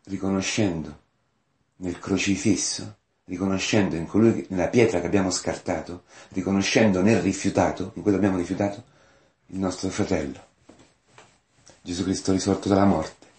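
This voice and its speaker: A man preaching a sermon in a church, animated, swinging between loud and hushed, putting questions to his listeners. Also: sits low, normal speed, long pauses, reverberant. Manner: addresses listeners directly with rhetorical questions.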